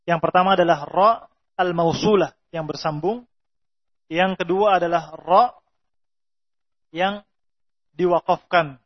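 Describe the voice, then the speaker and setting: A man teaching Quran recitation rules, reading Arabic lines slowly and explaining them, with drawn-out pronunciation examples. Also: a little high, fairly even intonation. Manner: reads Arabic text slowly, then explains in Indonesian. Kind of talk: explaining tajweed rules from a text. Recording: dull lo-fi recording.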